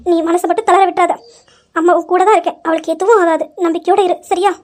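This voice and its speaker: A woman's voice: extremely high pitch, steady tone, fast, darkish tone. A woman voicing a loving middle-aged mother who soothes and reassures her crying son in an audio drama. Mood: reassuring. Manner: soothing, pleading. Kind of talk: amateur audio drama acting.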